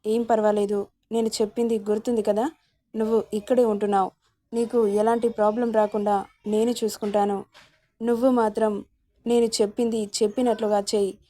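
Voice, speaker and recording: A woman's voice: medium pitch, flat delivery, fairly quick, dark tone, dry recording, natural voice. A woman voicing a hurt, fiery young wife who speaks in a pleading, reproachful way. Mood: determined.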